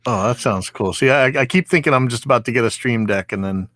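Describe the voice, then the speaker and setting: A man with a medium-pitched voice tells stories in a casual chat. He rambles along, circling back over his phrases. The sound is dry, with very little room in it. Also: a little fast, a bit bright, dry recording. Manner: rambling, repeats phrases as he goes. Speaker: recording engineer. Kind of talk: casual chat, anecdotal storytelling.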